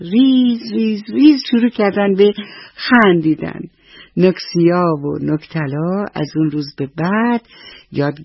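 A woman telling a bedtime story to children on the radio, speaking gently and addressing the kids directly. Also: deep voice, breathy edge, no echo. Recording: dull dry radio recording.

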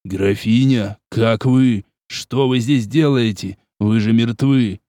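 A man's voice: lowish voice, steady tone, normal speed, a little mellow, dry recording, studio quality, lightly acted. A man voicing a cold, scheming older nobleman who speaks curtly and dismissively. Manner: curt, dismissive, menacing.

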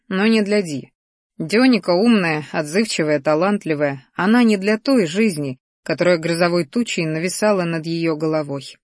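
A woman narrating a fantasy audiobook in a steady, even storytelling manner. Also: fairly low pitch, no echo, clean studio sound. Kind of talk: scripted narration.

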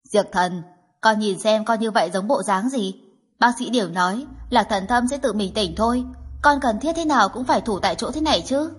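A woman voicing a stern grandmother who scolds and gets angry quickly, read as audiobook dialogue in a husky voice. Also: mid-range voice, lightly acted. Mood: scolding. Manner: scolding, indignant.

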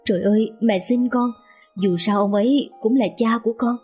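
A woman's voice: on the high side, normal speed, a little mellow, slightly rough, faint music behind. A woman reading an anxious, clingy mother. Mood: pleading. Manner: pleading and stammering.

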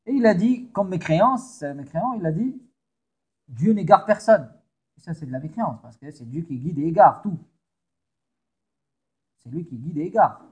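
Husky Tunisian man teaching religion. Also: a little high, expressive, slow pace, pauses often, darkish tone. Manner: emphatic, repeats key phrases. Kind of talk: religious lesson.

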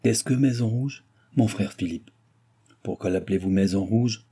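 A commanding mesmerist presses his questions with curt, insistent authority, read by a man. His voice sits low and dark, with a husky edge. He gives orders as though he expects nothing but obedience. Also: moderate pace. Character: commanding male mesmerist, smooth and probing.

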